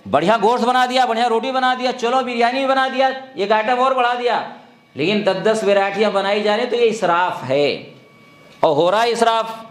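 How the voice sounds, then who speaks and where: A man delivers a sermon, urging his listeners on and firing rhetorical questions at them. His voice sits high for a man. The recording carries a noticeable room echo. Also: fairly bright tone. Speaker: preacher.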